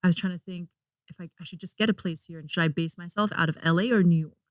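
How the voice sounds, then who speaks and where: Interview guest, woman, lower than average pitch, chatty with plenty of fillers, close and dry. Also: fast, no echo. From Hong Kong. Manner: chatty, laughs often, frequent fillers and restarts. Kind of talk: casual interview chat.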